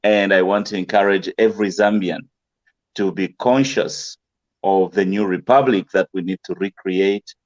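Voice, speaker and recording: A male guest giving measured, rallying closing remarks. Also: low voice, steady tone, darkish tone, no room sound, highs cut off. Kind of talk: closing remarks on an online talk show.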